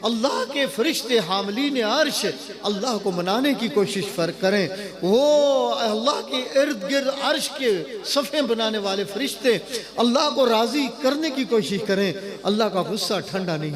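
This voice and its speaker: A male cleric delivers a fervent sermon in a notably high voice. He leans on repetition, saying key lines twice to drive them home. Behind him, a gathered crowd is clearly audible throughout the live recording. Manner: impassioned, repeating phrases for emphasis. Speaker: Islamic cleric addressed as maulvi. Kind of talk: emotional Islamic sermon to a gathering.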